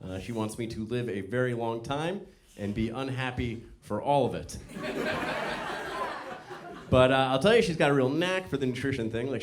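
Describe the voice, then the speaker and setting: A male stand-up comedian ranting in an exasperated, animated way. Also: mid-range voice, noisy background.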